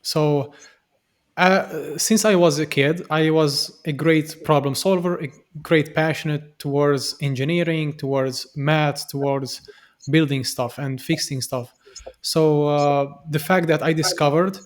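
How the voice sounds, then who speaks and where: A man's voice: a little high, fairly even intonation, unhurried. A young man from Syria, a podcast guest, speaking earnestly and reflectively with frequent fillers and restarts. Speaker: podcast guest, software developer. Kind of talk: conversational interview.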